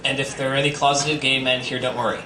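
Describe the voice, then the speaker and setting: A man reads at a quick pace in a medium-pitched, level voice, turning it into a theatrical performance with jokes and campy, playful stresses at a comedy night. The bistro audience is present, and the stream recording sounds distant, roomy and noisy.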